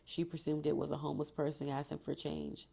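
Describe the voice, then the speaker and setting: A woman's voice: sits low, monotone, a little fast, gravelly, dark tone, breathy edge. A woman reading a novel aloud and breaking off for casual, profane reactions. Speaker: book reader and reactor.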